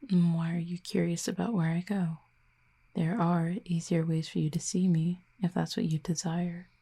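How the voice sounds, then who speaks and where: In an audio roleplay, a woman voices a soft-spoken cupid banished from her home realm, with a low, breathy, dark and mellow tone. She speaks slowly and quietly, often nearly whispering, her level pitch barely shifting. She remains gentle and wistful, with a teasing mood.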